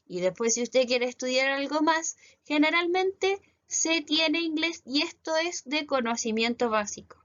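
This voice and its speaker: A woman's voice: high voice, a bit bright, highs cut off. A woman teacher with a Chilean accent, giving a recorded class step by step and often checking that her students follow. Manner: explains step by step, often asks "¿cierto?" to check understanding. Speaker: English teacher.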